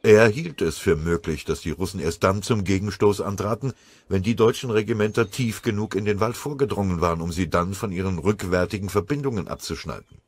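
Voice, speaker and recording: A man narrating a war audiobook in a grave, measured way. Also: sits low, breathy edge. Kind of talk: scripted war story narration.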